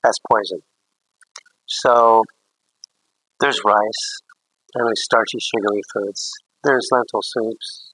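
A man's voice: fairly low pitch, fairly even intonation, slow pace, pauses often, pushed and bright, rough recording. A man, a priest, teaching a catechism class in a rambling, anecdotal way with jokey asides.

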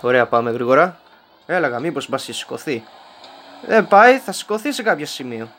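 A man's voice: mid-range voice, sing-song, a bit bright, a little hiss or hum. A young man giving casual let's-play commentary, joking and talking back to the characters on screen. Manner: joking, talks to game characters. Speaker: gameplay commentator.

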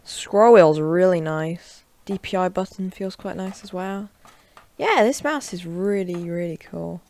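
Woman gamer reviewer, low-pitched and gravelly, casual desk commentary with sudden loud yells. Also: a little slow. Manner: chatty and offhand, bursting into loud shouts while gaming. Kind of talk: casual unboxing and gameplay commentary. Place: at a desk at home.

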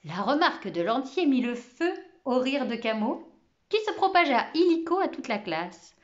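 A woman reading a children's novel aloud in an expressive storytelling way. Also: high voice, moderate pace, muffled recording. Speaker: reader.

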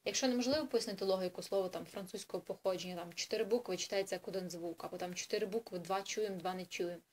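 A woman's voice: mid-range voice, racing, a little mellow. A woman tutoring in a chatty, explanatory way for parents in an informal video lesson, with frequent hesitations and self-corrections. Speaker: English tutor for children.

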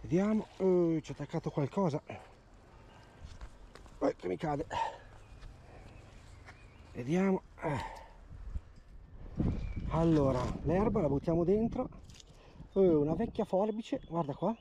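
Outdoors by a river, a man magnet fishes and talks through his finds in a casual vlog, getting excited and repeating words whenever something turns up. His voice is fairly high, his pace slow, and he pauses often. There's slight background noise.

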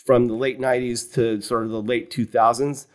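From his home office with wooden cabinets, an American fund founder in his fifties explains his professional history to an interviewer via video call. He keeps a medium pitch and a measured, explanatory tone, regularly slipping in "you know."

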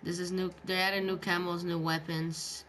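A man's voice: high voice, flat delivery, moderate pace, bright, forceful tone, low-quality recording. A male gaming video host giving casual gameplay commentary with slangy, bro-heavy talk. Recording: background game noise.

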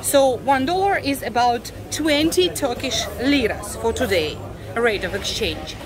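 Russian woman vlogging at a fish market, slow halting english, lots of uh's, crowd noise around. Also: fairly high pitch. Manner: excited, chatty with sellers, halting English with fillers. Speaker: travel vlogger. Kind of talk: casual walking vlog. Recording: busy crowded market in the background.

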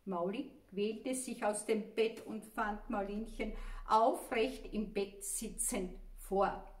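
A woman reading a children's story aloud with lively, expressive delivery. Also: mid-range voice, slow pace. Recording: roomy, mic at a distance.

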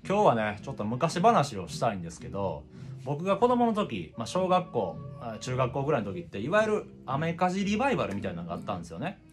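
A man, telling a personal story in a casual, expressive, conversational vlog style. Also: medium pitch, fast, faint music behind. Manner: expressive, conversational, acts out past reactions. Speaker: video presenter. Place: small indoor room with records and guitars.

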